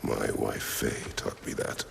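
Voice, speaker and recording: A man playing a stern, weary warrior in a video game, speaking tersely and gravely with a gravelly voice. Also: slow, close to an everyday voice. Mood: solemn, restrained. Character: stern, weary, solemn male warrior, a widower. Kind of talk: dramatic video game dialogue. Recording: game ambience noise behind dialogue.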